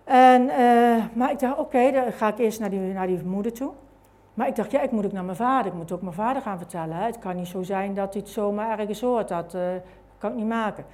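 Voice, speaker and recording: A woman's voice: medium pitch, a little fast, warm tone. A woman telling her personal faith testimony in a conversational way, full of fillers and tag questions. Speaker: speaker giving a testimony. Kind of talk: personal testimony told as a story.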